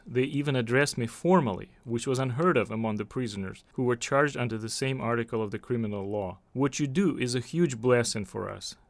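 A man's voice: mid-range voice, no room sound. Man giving an interpreter voice-over. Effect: live interpreter voice-over laid over a filmed statement. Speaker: translator. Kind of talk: voice-over interpreting of a recorded testimony.

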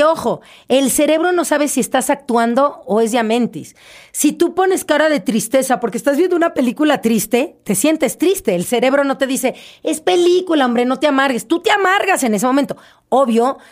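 A lively woman talks through advice in a casual, chatty way, full of asides and quick restarts. Her voice sits a little high for a woman. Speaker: podcast host.

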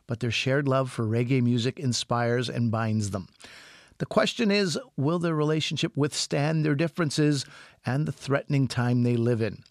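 A male radio host reads a scripted introduction at a measured pace, his voice sitting in a middle range. The sound is close and dry, like a studio booth. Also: mid-range voice, dry recording. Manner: measured, clear reading. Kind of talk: scripted narration.

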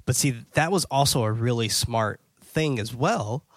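Talking a little slowly at medium pitch, this man hosts a laid-back movie-review podcast. His plot summary is loose and padded with filler, with cursing here and there, and the recording has no echo.

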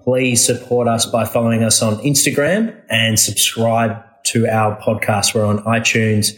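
A man's voice: fairly low pitch, fairly even intonation, measured pace, poor audio. A man hosting a podcast, reading a scripted introduction and greeting people on the call. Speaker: podcast host. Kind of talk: read-out intro and greeting guests.

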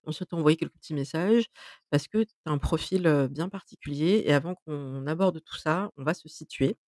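A woman in her forties hosting a podcast interview recorded remotely, asking friendly, measured questions with frequent hesitations. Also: deep voice, a little mellow, no room sound. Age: 40s. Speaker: podcast host. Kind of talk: conversational interview.

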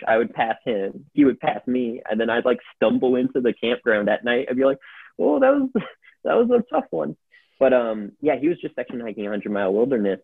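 A lowish, gravelly man's voice tells a long story in a loose, rambling way, full of fillers. The voice is husky and dry, and it comes through a narrow, phone-like line. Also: dry recording. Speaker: podcast guest. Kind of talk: casual storytelling.

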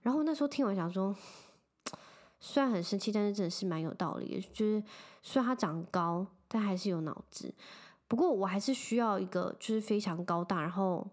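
A young woman from Taiwan talks through her own stories in a relaxed, chatty way. She leans on filler phrases and grows animated as she retells what happened. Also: medium pitch, a little fast. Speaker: podcast host. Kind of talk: casual storytelling chat.

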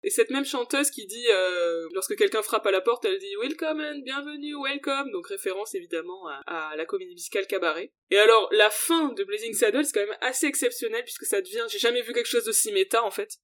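A woman co-hosting a casual podcast about musicals, lively and opinionated, with fillers. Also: mid-range voice, quick pace, hardly any pauses. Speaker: podcast co-host.

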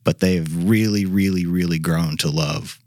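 Speaking in a low, darkish, steady voice at a moderate pace, an Arkansas biologist who teaches at a university guests on a dry interview recording. There's no echo, and he keeps his explanations informal and conversational.

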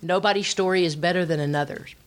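Low-voiced Southern woman sharing testimony. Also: fast talker. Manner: lively storytelling, acts out quotes, laughs often. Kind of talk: personal testimony.

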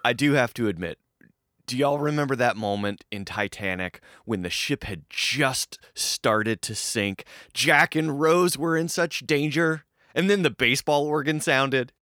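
A man's voice: mid-range voice, a little slow, sharp tone, no echo, clean studio sound. A man hosting a comedy trivia podcast, bantering playfully in a theatrical, swooping manner. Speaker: podcast host.

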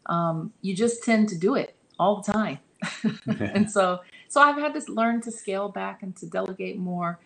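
A woman's voice: medium pitch, a little slow, vocal fry, a bit bright, poor audio. A woman answering interview questions about her publishing business, earnest and encouraging, often restarting her sentences. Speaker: guest, publishing company leader.

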